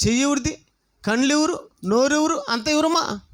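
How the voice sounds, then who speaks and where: A male pastor, preaching a sermon through animated storytelling and repeated rhetorical questions. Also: very high voice, moderate pace. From South India.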